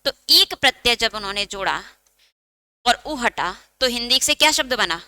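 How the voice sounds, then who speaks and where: A woman's voice: fairly high pitch, animated, normal speed, pushed and bright, clear, resonant tone, no echo. A woman teaching a Hindi exam-prep lecture, asking questions and answering them herself, and dictating note points.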